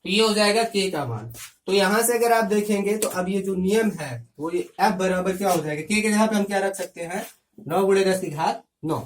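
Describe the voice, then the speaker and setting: A man teaching a physics lesson step by step, often pausing to check in with his students. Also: sits high, recorded from a distance, slight background noise. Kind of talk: classroom lecture.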